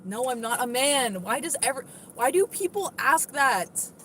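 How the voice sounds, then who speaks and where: On her livestream, a woman with a moderately deep, fairly bright voice chats casually and answers viewer comments defensively, dropping plenty of "like" and "literally." She's animated but unhurried, and there's a little hiss or hum in the background.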